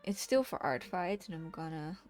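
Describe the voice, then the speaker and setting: Her voice is deep and a little mellow, with lively intonation at a normal speed, as she paints on a stream with soft music playing. She keeps up casual talk with her viewers, laughs at chat, and often half-whispers to herself.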